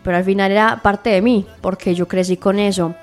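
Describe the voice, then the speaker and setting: A woman's voice: mid-range voice, fairly even intonation, fairly quick, faint music behind. A young woman who grew up in Spain, a singer being interviewed on the radio, talking in a friendly, chatty way with frequent fillers and tag questions. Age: young adult.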